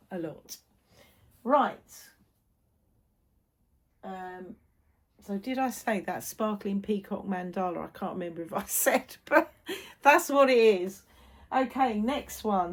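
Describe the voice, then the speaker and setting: A woman with a British accent chatting casually as a vlog host, often repeating phrases for emphasis. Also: medium pitch. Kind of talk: casual chat.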